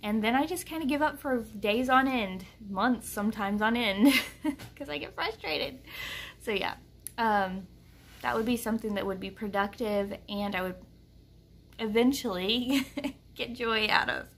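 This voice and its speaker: A woman's voice: fairly high pitch, measured pace, a little hiss or hum. A woman in her thirties chatting casually to the camera from her home kitchen, rambling with many fillers. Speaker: vlogger.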